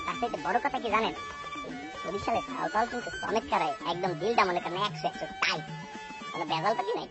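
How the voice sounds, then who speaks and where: A man's voice: sits high, wildly swooping pitch, fast talker. A young man with a Barishal Bengali accent, rapping and bantering boastfully in a comedy skit. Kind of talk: comic skit with rap. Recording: loud background music.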